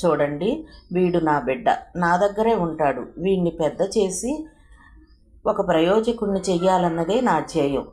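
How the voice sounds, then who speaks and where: A woman's voice: lowish voice, expressive, unhurried, a little mellow. A woman voicing a proud, resolute young mother who speaks firmly and with composure in a storybook reading. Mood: earnest. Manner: firm, composed. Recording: roomy echo, faint hiss.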